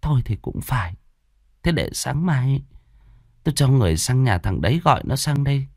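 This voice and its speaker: Brief: anxious older village wife, gentle and pleading, voiced by a male narrator. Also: mid-range voice, very animated, normal speed, no echo, clean studio sound, voice pushed up. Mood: worried. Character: worried older wife of a rich villager, soft-spoken.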